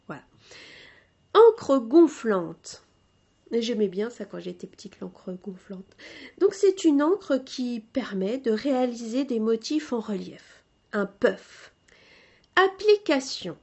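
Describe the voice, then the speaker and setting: A French woman with a fairly high voice teaches vocabulary at an unhurried pace. She reads each term out, then explains it casually and throws in the odd joke. Her delivery is loose and chatty rather than scripted. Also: muffled recording. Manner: reads out terms, then explains them in a relaxed, joking way. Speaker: podcast host teaching textile vocabulary. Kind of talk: casual spoken vocabulary lesson.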